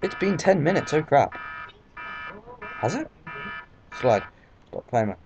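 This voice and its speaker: A man's voice: fairly high pitch, big pitch swings, normal speed, gravelly. A man with a British accent giving rambling, casual gameplay commentary, full of fillers and swearing. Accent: British English. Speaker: let's play commentator. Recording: dull lo-fi mic, faint background noise.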